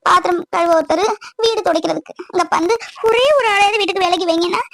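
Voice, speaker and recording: A sharp-tongued young wife who scolds and complains in long rapid rants. Her voice is very high and squeaky, sped up like a cartoon, and sits dry and close to the mic. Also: no echo. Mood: complaining. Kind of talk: cartoon voice acting.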